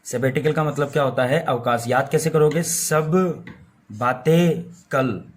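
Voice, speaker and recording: A man's voice: mid-range voice, a little slow. A young man teaching English vocabulary in a casual lesson, repeating each meaning and asking questions that he answers himself. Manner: repetitive, asks questions and answers them himself, playful mnemonics. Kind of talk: informal Hindi-medium lesson.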